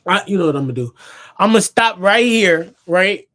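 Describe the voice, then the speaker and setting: A man's voice: high-pitched, lively intonation, brisk, a bit bright. A tired man reading from his own book on a casual livestream, speaking loosely to his viewers, repeating words and asking them to say things back. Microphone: phone or computer mic on a livestream.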